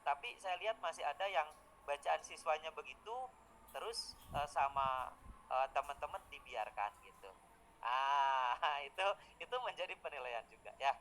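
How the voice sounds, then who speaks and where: A man's voice: fairly high pitch, lively intonation, moderate pace, sharp tone, a little hiss or hum, low-quality recording. A middle-aged man, a teacher-training lecturer, giving informal feedback in a chatty way with frequent tag words and small hesitations.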